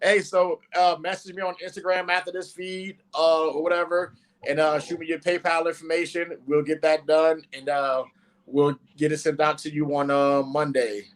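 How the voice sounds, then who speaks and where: A man's voice: fairly high pitch, little pitch movement, moderate pace, rough recording. A man hosting a casual live stream, joking and laughing as he runs a snake auction.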